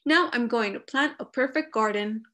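A woman's voice: fairly high pitch, moderate pace, fairly bright tone, lightly acted. A woman voicing a perfectionist male badger gardener in a storybook, earnest and careful about order. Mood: eager.

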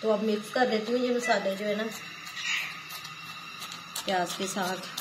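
A Pakistani woman with a mid-range voice and a Pakistani Urdu accent talks a little slowly over loud music, casually walking through her home cooking step by step and often saying "jo hai na." She's a village vlogger seated on a floor mat in a small room at home, and the echoey recording has clear background noise.

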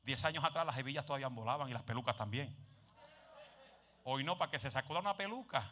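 A man preaching a lively Pentecostal sermon, telling stories and mixing in English phrases, dropping to soft asides and rising to shouts. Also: mid-range voice, quick pace. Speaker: evangelist preacher.

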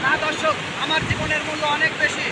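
A man's voice: very high voice, monotone, fast. A man with a Bangladeshi accent reporting live on location and interviewing people, addressing viewers formally and wordily. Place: outdoors on a busy sea beach. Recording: noisy outdoor beach, crowd, distant mic. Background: loud surf and crowd.

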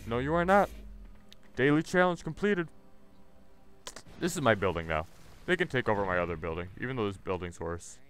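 A man's voice: lowish voice, very animated, fairly quick, pauses often, a bit bright, faint music behind. A man giving live gameplay commentary, ranting and swearing with irritation as he plays. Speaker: gaming channel host.

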